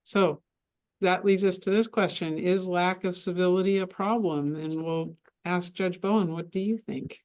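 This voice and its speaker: A woman judge speaking on a panel and moderating questions, brisk and lightly amused. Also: lowish voice, fairly even intonation, a little mellow.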